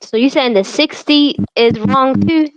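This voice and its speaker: A woman's voice: sits high, unhurried, dry recording. A woman chiming in on a casual call, her voice muffled as if through a wall and breaking up. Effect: muffled voice breaking up over a call line. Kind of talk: casual chat. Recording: muffled distant call audio.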